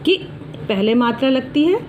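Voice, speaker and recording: A woman teacher giving a slow, deliberate alphabet lesson for children, drawing out each syllable for them to repeat. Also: high-pitched, animated, muffled recording, slight background noise.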